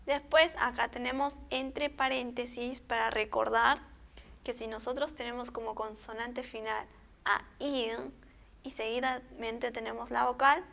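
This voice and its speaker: A woman teacher with a slightly raised, bright voice and a gravelly edge. She talks very slowly, breaking each word into syllables and saying it again and again. She keeps checking in with her students after each example. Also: on the high side. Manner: spells out syllables and repeats words, checking with "¿sí?". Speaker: Korean language teacher. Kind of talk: slow step-by-step pronunciation lesson.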